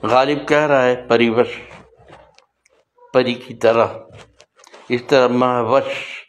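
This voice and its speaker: A man's voice: medium pitch, fairly even intonation. An older man and poet, speaking in an earnest, lecturing way and giving examples. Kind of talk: casual spoken talk on language.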